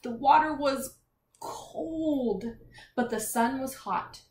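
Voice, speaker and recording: A woman teacher with a high, slightly mellow voice reads a children's picture book aloud slowly and expressively, asking young listeners questions and offering encouraging asides. The recording has an echo and faint noise.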